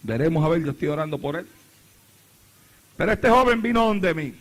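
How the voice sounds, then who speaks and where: A man's voice: on the high side, lively intonation, a little fast. A middle-aged man preaching a sermon as pastor, repeating phrases with rising fervor. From Puerto Rico.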